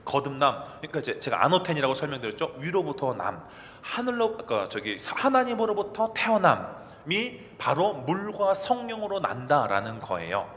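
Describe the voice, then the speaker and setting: A man's voice: fairly high pitch, normal speed. A male pastor preaching a sermon to his congregation, acting out dialogue and putting questions to the listeners. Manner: lively, acts out quoted dialogue, asks the congregation questions. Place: church sanctuary. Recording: long hall reverb, faint ambient noise.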